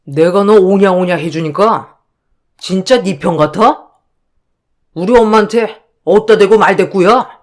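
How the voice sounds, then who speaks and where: A woman voicing a hot-tempered young husband who shouts threats at his wife. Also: mid-range voice, a little slow, close to an everyday voice. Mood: angry.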